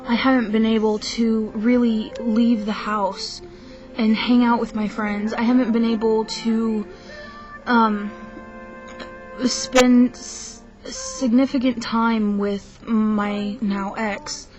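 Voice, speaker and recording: A woman's voice: a little high, flat delivery, slow, darkish tone, low-quality recording. A young woman venting to the camera in a casual rant, hesitant and frank, tired from too little sleep, often stopping to restart her sentences. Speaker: vlogger. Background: faint film soundtrack music.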